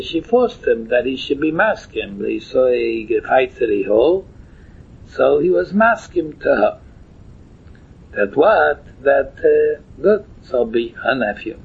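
A very husky man with a Yiddish accent takes his time leading a religious lesson. He halts, repeats himself and rephrases as he explains the text in an informal, storytelling way. The sound is thin and boxed-in, like a telephone connection. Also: mid-range voice. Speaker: Talmud teacher. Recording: muffled, thin phone-like line.

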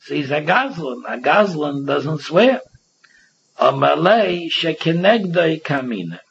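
A religious teacher giving a Talmud class speaks in a somewhat high, creaky voice with lively intonation and an unhurried pace. His English is Yiddish-inflected, and his informal reading and explanation is sing-song and repetitive, full of rhetorical questions. The recording is dull, muffled and lo-fi, with slight background noise.

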